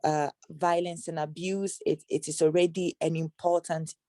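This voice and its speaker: A woman from Ghana who works in anti-trafficking outreach, answering interview questions in a measured, hesitant way with many fillers, on a video call. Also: low voice, level tone, mellow, no room sound.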